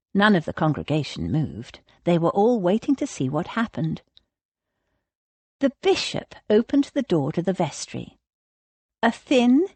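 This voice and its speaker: A woman narrating a historical romance audiobook in an expressive storytelling manner. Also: mid-range voice, no room sound.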